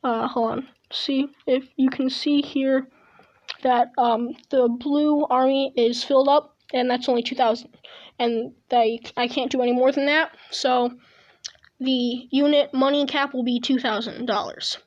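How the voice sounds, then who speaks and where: A woman's voice: high voice, fairly even intonation, a little slow, darkish tone, highs cut off. A woman giving casual, rambling gameplay commentary at home, chewing gum, recorded through an earbud mic with many stops and restarts. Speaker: gaming video host. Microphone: earbud headset mic.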